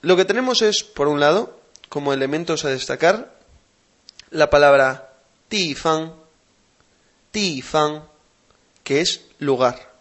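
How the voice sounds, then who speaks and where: A man hosting a language lesson podcast, explaining slowly and patiently and repeating words for practice. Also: fairly high pitch, fairly bright tone. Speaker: language teacher and podcast host.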